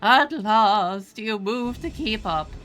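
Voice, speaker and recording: A woman voicing a haughty, scornful father who speaks through a familiar, in a theatrical, drawn-out way. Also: mid-range voice, animated, a bit bright, soft background music, voice pushed up. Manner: mocking, theatrical, drawn-out lines.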